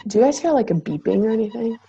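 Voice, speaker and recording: A woman's voice: on the high side, animated, racing, gravelly, warm tone, lo-fi sound, slight background noise. A woman losing her voice, leading a casual team call in a rambling way, full of fillers, with big jumps when she acts out quotes. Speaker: team leader of fitness coaches.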